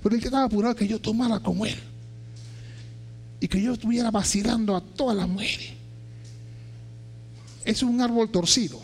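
A man preaching a sermon with fervor, often shouting rising questions, then dropping low, with many restarts and repeated words. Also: moderate pace, gravelly, pauses often, slightly rough.

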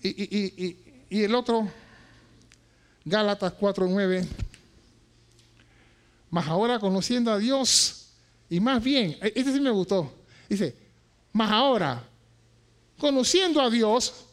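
A man preaching an impassioned sermon as pastor, shouting lines and then dropping to quiet asides, repeating phrases for emphasis. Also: sits high, lively intonation, slow pace, long pauses.

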